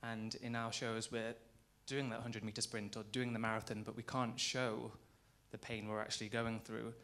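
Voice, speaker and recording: A man with a mid-pitched voice answers in a rehearsal studio, explaining his work earnestly and at length. His talk is steady and reasoned, with a conversational tone. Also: moderate pace. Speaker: ballet dancer.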